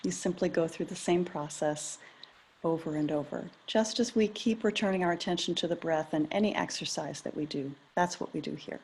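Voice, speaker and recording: A middle-aged woman leading a guided meditation, talking in a calm, gentle, measured way. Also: fairly low pitch, slight background noise. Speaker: meditation leader.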